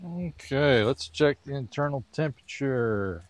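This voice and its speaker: A man's voice: mid-range voice, animated, a little slow, a little hiss or hum. A man giving casual step-by-step grilling tips outdoors at a backyard grill, in an easygoing, chatty way. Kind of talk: casual how-to cooking vlog.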